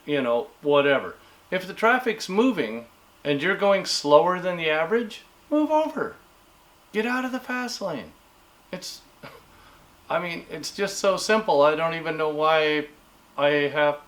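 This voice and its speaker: A man's voice: a little high, a bit bright. A man vlogging in a casual, rambling rant, exasperated and leaning on "you know" and "man". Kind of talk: casual ranting monologue.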